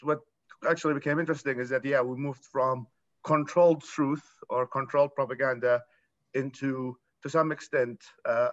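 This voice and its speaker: A man in his thirties from Iraq speaking as a panelist on a video call, earnest and halting with restarts. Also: mid-range voice, fairly bright tone. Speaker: panelist, nonprofit founder. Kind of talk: conference panel talk. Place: room at home. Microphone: laptop webcam on video call. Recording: dull lo-fi video call audio.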